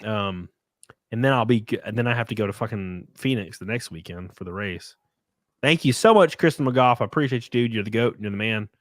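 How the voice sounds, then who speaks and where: This livestream host, low-pitched and brisk, reads donations and thanks his supporters in a meandering, curse-filled manner. Sniffly and a touch tipsy, he's captured in a dry, studio-quality recording.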